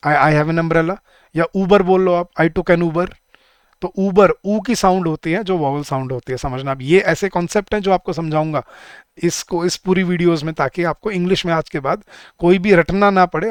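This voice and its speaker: Guy doing an online english class, smooth clear voice, bit high, quizzes the students then answers himself. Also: no room sound. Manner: chatty, asks the class questions and answers them himself. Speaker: English teacher. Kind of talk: online exam-prep lecture.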